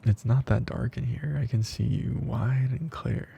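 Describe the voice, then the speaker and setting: A man speaks softly and slowly in an intimate ASMR roleplay, playing a tender, teasing best friend who confesses his love, his voice drifting breathily into whispers. His pitch is medium and his tone steady, with an earnest, teasing mood. The audio is dull, with a little hiss or hum.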